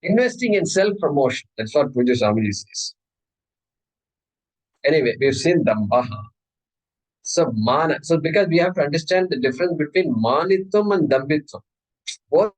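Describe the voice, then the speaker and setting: A man's voice: fairly high pitch, lively intonation, normal speed, pauses often, darkish tone, rough recording. A man with an Indian accent gives an explanatory scripture lecture as a teacher, repeating key words and checking in with his listeners. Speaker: teacher of a Sanskrit scripture class.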